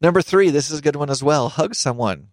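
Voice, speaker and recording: A man's voice: a little high, fairly quick, no room sound. A man hosting a studio talk show, cheerfully reading out tips and bantering with his co-host. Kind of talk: upbeat scripted talk show. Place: radio studio. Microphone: studio microphone.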